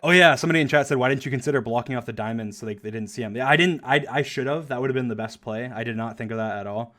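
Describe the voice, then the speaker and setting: A man's voice: mid-range voice, very fast, bright, forceful tone. A young man streaming and talking through his own gameplay video, rambling casually with lots of fillers and laughter. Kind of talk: casual commentary over gameplay.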